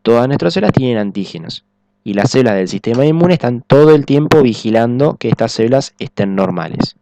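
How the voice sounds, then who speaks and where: A man's voice: mid-range voice, expressive, fairly quick, gravelly, dark tone, no echo. A man giving a recorded biology lecture, explaining step by step and checking in often with the class. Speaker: teacher.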